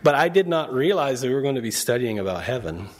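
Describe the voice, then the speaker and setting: A man's voice: mid-range voice, sing-song, quick pace. A male preacher giving a conversational sermon, often asking the congregation questions and reading verses aloud. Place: church.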